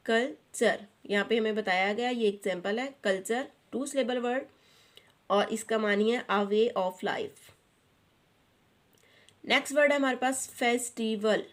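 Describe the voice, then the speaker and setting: A woman teacher with a Pakistani accent, explaining a children's English textbook lesson and translating each English line into Urdu. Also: fairly high pitch. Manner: reads English lines slowly, then translates each into Urdu.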